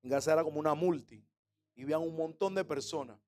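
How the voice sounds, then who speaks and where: A man's voice: on the high side, fast, mellow. A middle-aged man, preaching a sermon with humor and rhetorical questions. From Panama. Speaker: pastor.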